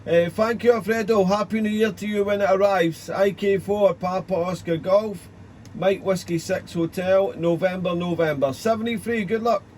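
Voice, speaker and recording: A man with a fairly high voice runs a ham radio exchange. He spells call signs in phonetic words and repeats key details deliberately, over faint background noise. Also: fairly even intonation, a little mellow. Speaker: amateur radio operator calling CQ. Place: amateur radio station.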